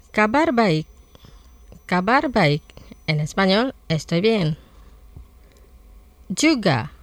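A woman presenting a scripted radio language lesson, saying each word twice slowly and carefully. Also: mid-range voice, dry recording. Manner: slow, careful repetition of words.

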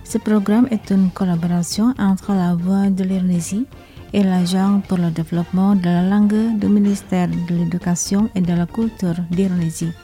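A woman teaching a language lesson in a slow, deliberate scripted style, saying each word twice. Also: fairly low pitch, fairly even intonation, dark tone, soft background music.

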